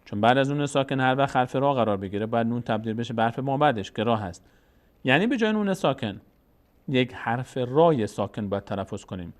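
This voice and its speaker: A man teaching Quran recitation rules step by step, slowly drawing out each example word. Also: medium pitch, animated. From Tajikistan.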